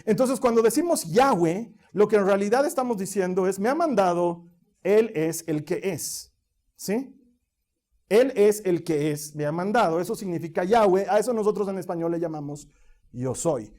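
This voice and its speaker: A man's voice: high voice, lively intonation, moderate pace, darkish tone. A man. He teaches in a chatty, explanatory way and often checks that his listeners are following. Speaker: pastor. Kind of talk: sermon.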